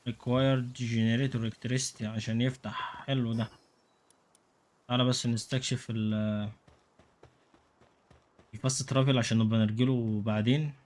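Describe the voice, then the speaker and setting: A young man with an Egyptian Arabic accent giving joking, excitable commentary while playing a video game. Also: mid-range voice, normal speed, long pauses. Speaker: gaming YouTuber. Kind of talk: let's play commentary.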